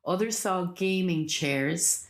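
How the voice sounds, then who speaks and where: Lilting Irish woman storyteller, slightly low voice. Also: slow. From Ireland. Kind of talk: casual conversational storytelling.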